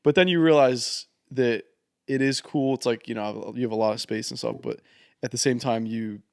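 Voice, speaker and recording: A young man, a podcast guest, talking in a laid-back, halting way, often repeating words as he thinks aloud. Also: medium pitch, fairly even intonation, dry recording, studio quality. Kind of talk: casual chat.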